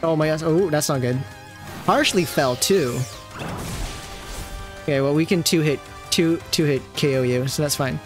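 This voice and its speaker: A man's voice: a little high, moderate pace, long pauses. Chatty male gamer reacting to gameplay. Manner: chatty and reactive, joking about the game. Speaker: gaming video host. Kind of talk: casual gameplay commentary. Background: faint game music.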